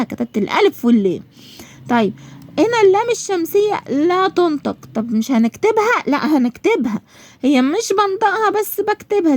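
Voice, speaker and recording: High-voiced Egyptian woman teaching a lesson. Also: darkish tone, no room sound. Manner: asks and answers her own questions, stretching out example words. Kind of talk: school lesson explanation.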